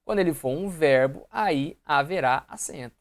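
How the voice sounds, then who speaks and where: A man's voice: a little high, animated, moderate pace. A man with a Brazilian Portuguese accent teaching an online grammar lesson, often checking in with the viewer and voicing imagined student questions.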